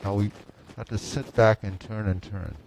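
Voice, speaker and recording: A man teaching tai chi, calling out movement cues in calm, measured short phrases with pauses between them. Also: lowish voice, vocal fry, low-quality recording. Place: large mirrored wood-floored indoor studio. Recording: faint room noise.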